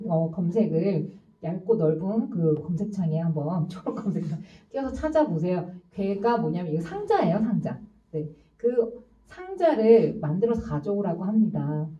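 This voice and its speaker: Mother preaching in an echoey church. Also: on the high side. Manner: animated storytelling, acts out voices. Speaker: youth pastor. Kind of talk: sermon. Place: church sanctuary. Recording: echoey room, distant mic, dull sound.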